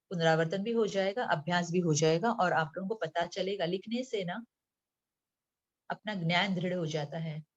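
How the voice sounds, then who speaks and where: A woman teacher from Mumbai giving a slow, patient lesson to young children, reading words one by one and often checking in with the class. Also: fairly low pitch. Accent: Mumbai Hindi. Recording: dull lo-fi sound.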